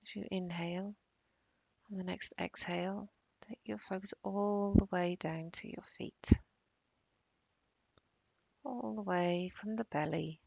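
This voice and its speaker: A meditation guide, a woman, leads a body-scan in a calm, soothing, unhurried manner, leaving long pauses and letting her phrases end softly and breathily. Her voice sits on the low side, and the audio is dull with no echo.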